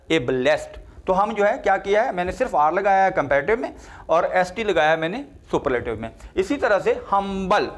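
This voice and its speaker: An older man gives a grammar lecture in a high voice. He drills each word form slowly and repeats it again and again, like a patient classroom teacher. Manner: slow, repetitive drilling of word forms. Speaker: English teacher.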